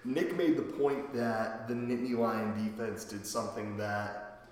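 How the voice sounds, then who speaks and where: A man with a hoarse voice hosts a casual sports podcast. His voice rings around a very echoey basement with trailing reverb. The pitch is average for a man. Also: fairly even intonation, measured pace. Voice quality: worn-out voice from a night of cheering. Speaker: podcast host. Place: in a home basement.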